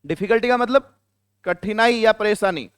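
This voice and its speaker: High, clear-voiced male teacher. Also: moderate pace, a bit bright, no room sound, studio quality. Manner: questions the students and answers himself, repeating key words. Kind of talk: classroom lecture.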